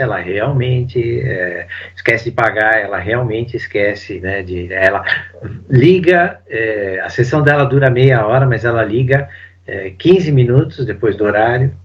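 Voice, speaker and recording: A man, a psychoanalyst, giving a casual spoken seminar commentary, animated and full of fillers. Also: medium pitch, muffled recording. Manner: animated, uses lots of fillers and acts out quotes. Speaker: psychoanalyst teaching Lacan.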